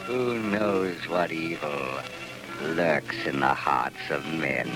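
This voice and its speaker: The Shadow: a deep menacing phantom. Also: male voice, exaggerated voice, poor audio. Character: sinister laughing male phantom narrator. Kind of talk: 1930s radio drama. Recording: old radio recording with music.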